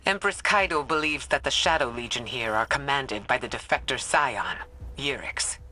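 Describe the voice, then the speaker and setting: Actor voicing a serious game strategist, bright tone, measured briefing, faint noise behind. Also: mid-range voice, lightly acted, poor audio. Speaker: game character. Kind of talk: video game cutscene dialogue.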